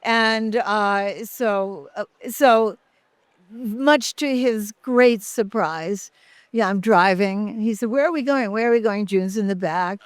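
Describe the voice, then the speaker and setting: Older woman reminiscing, clear and close. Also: mid-range voice, no room sound. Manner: halting, many fillers and restarts. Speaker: interview guest, actress. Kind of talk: casual interview reminiscing.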